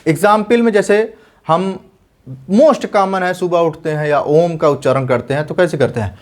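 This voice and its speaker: A male teacher giving an exam-prep lesson, explaining patiently and repeating definitions slowly so students can write them down. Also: on the high side.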